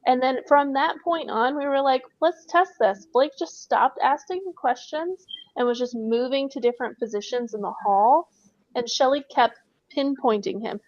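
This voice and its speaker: A woman with a fairly high voice tells a ghost-hunting story with brisk excitement. Her audio is muffled and lo-fi. The room sounds dead, with no echo. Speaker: paranormal investigator. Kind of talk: casual storytelling in an interview. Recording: dull, dry remote audio.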